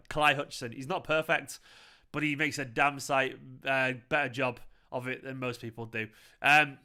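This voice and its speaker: A man with a Manchester accent, hosting a live football fan reaction stream, chatting excitedly and swearing while reading viewer comments. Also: a little high, clear, resonant tone. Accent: Mancunian. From Manchester, England. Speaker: football fan channel host.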